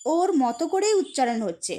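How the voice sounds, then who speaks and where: Woman teacher explaining a lesson, high voice, bouncy sing-song delivery, says the example words slowly one by one. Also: very animated, mellow. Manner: addresses listeners as friends, repeats example words slowly and clearly. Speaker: English teacher. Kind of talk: explaining a grammar lesson to students.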